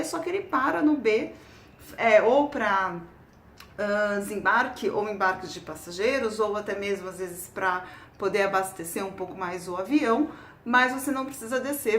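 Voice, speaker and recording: A Brazilian woman with a Brazilian Portuguese accent talks casually to her viewers in a slightly high voice. She keeps checking in with little tag questions and stumbles over repeated words as she thinks. The sound carries a noticeable room echo with a faint hiss behind it. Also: fairly bright tone. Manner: chatty, tag questions on nearly every phrase, repeats words as she searches. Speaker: travel vlogger. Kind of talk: casual explanatory talk to camera. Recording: roomy echo.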